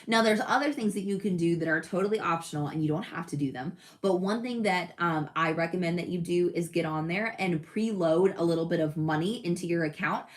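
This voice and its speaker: Chatty, fairly low-pitched woman streamer. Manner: chatty, self-correcting, laughs at own slips. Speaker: crafting channel host. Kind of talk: casual livestream chat.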